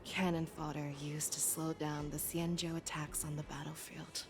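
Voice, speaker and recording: A composed female officer played by an actress gives calm, authoritative lines in game-drama style. Her voice is fairly low, with clear music behind. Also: moderate pace, natural voice. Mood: commanding.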